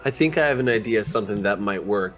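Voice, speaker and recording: A man's voice: lowish voice, lively intonation, quick pace, fairly bright tone, soft background music. A man speaking in character as a player in a tabletop role-playing game, hesitant and full of fillers.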